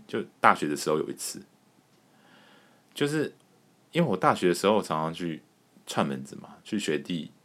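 Man, Taiwanese Mandarin accent, low voice, very lively pitch, casual crude podcast chat, frequent laughs, stammered restarts. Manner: joking and crude, laughing often, stumbling restarts. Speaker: podcast host.

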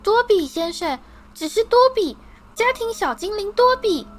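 A small, excitable male house-elf who speaks in a piercing, squeaky voice, tearful and endlessly deferential, as a woman puts him on. The audiobook reading carries quiet music underneath. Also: unhurried, exaggerated voice. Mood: eager. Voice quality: high and shrill.

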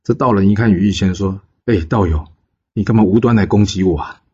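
A man with a deep, husky voice tells an old legend in a chatty way, tossing questions at the listener. The sound is muffled and lo-fi. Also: a little fast, dark tone. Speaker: storyteller. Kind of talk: casual storytelling of a folk legend.

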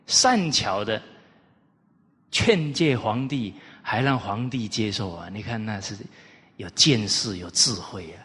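Man lecturing on old classics, slow and lively, goes up and down a lot, long echo. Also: lowish voice, breathy edge. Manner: animated, rhetorical questions to listeners. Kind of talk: storytelling lecture. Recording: reverberant hall.

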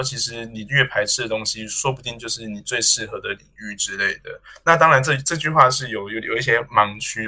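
A man's voice: on the low side, bright, forceful tone. A man co-hosting a casual podcast chat, giving reflective, encouraging advice with joking asides.

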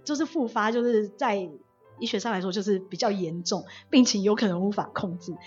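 A young woman from Taiwan, a nurse telling her testimony as a guest in an animated way and acting out the words of the people she quotes. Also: medium pitch, slightly rough. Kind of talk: personal testimony storytelling. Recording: dull lo-fi audio with faint music.

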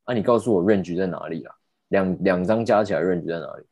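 Brief: young man, low and dark voice, indignant storyteller. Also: fast talker, slightly rough, no room sound. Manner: animated, indignant, swears casually. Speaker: podcast host. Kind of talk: casual storytelling.

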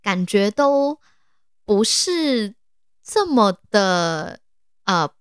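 A woman's voice: mid-range voice, big pitch swings, extremely slow, clean tone, no room sound, clean studio sound. A woman putting on the voice of a startled male professor who stammers in disbelief. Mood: fumbling. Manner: stammering, incredulous.

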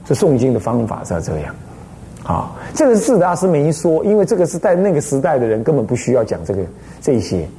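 A man's voice: mid-range voice, very animated, fast, mellow, slight background noise. An older man, a Buddhist abbot giving a dharma lecture in a teacherly way, often checking in with rhetorical questions.

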